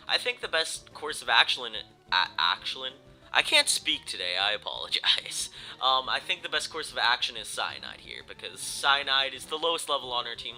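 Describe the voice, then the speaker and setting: A young gaming YouTuber, congested from a cold, rambles through casual Let's Play commentary over game music. His mid-range voice has a sharp tone, and he fills it with ums and keeps correcting himself.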